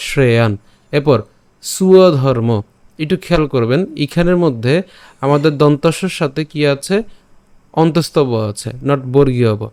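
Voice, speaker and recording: Patient man teaching slow pronunciation. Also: a little high, a little mellow, no echo. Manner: patient, repeats words slowly syllable by syllable. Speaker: Gita recitation teacher. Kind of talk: online pronunciation lesson.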